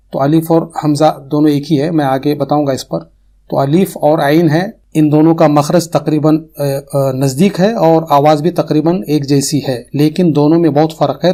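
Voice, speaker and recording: A man's voice: a little high, mellow. A man with a Pakistani Urdu accent teaching tajweed in a recorded online lecture, earnest and explanatory, repeating his terms for emphasis.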